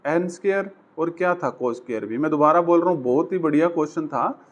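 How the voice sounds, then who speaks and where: A man's voice: fairly high pitch, fast talker, highs cut off. A man teaching maths at a whiteboard, chatty and coaxing, talking through each step. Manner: chatty, coaxing, voices the equations as characters.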